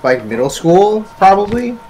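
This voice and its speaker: A man's voice: high voice, big pitch swings, normal speed, a little mellow, faint music behind, rough recording. A man talking casually with teammates in a gaming voice chat. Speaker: gamer in a team voice chat. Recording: busy crowd-like game babble behind voice.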